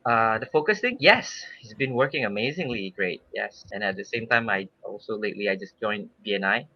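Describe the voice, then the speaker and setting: Interviewed casually for a podcast, a swimming coach from Malaysia in his thirties speaks fairly quickly in a lowish, pushed, bright voice with lively intonation. He's easygoing, with many fillers and some laughter, and the recording is dry and dull lo-fi.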